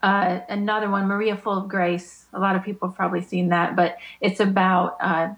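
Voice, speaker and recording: Woman, podcast guest, thoughtful, halting restarts, mid-pitched voice, video call. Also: flat delivery, fairly bright tone, low-quality recording. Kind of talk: casual chat.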